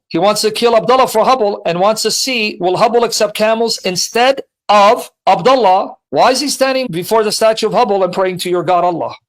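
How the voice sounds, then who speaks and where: Guy hosting a call-in debate, really high voice, keeps firing questions at the caller. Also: rough recording. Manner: insistent, presses with rhetorical questions. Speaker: host.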